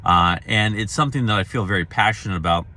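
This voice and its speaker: A middle-aged man speaking as a career trainer, telling a personal story casually and acting out the dialogue in it. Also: fast talker. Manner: animated storyteller, acts out quoted dialogue with pitch jumps.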